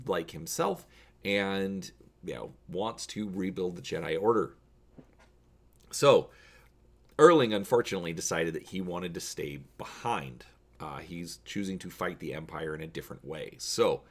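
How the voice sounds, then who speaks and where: A man with a low-leaning, somewhat bright voice hosts a read-along of a choose-your-own-adventure story. He reads the narration aloud and speaks straight to viewers in a casual, emphatic way.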